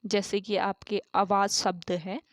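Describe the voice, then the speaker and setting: A woman's voice: medium pitch, flat delivery, measured pace. A woman teaching an exam-prep lesson who asks questions and then answers them herself, repeating key terms. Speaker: Hindi exam tutor.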